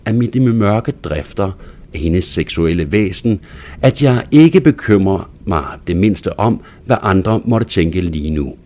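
A man reading a first-person story aloud in a hushed, intimate manner that sometimes drops to a whisper. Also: deep voice. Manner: hushed, intimate delivery, dropping to a whisper at times. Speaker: narrator.

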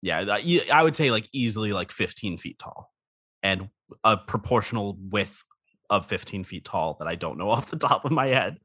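A man's voice: on the low side, expressive, normal speed, bright, forceful tone, husky, no echo, clean studio sound. A man with a bit of a cold, narrating a tabletop game casually as game master. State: under the weather with a cold.

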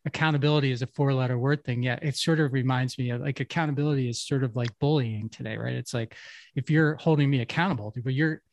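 A man's voice: medium pitch, fairly even intonation, quick pace, no room sound. Thoughtful man musing in casual chat. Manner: reflective, thinks aloud with restarts and fillers. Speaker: podcast co-host.

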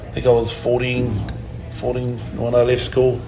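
A man from New Zealand in his fifties with a New Zealand accent, a guest in a casual interview who speaks softly and hesitantly, with many ums. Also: mid-range voice, monotone, moderate pace, a crowd in the background, rough recording.

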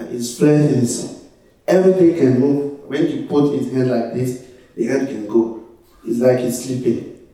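A man from Ivory Coast with an Ivorian French accent, a native French speaker giving a personal testimony to a group in halting English, searching for words. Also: medium pitch, warm tone. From Ivory Coast, West Africa. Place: echoey room, away from the mic. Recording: very echoey room, distant mic.

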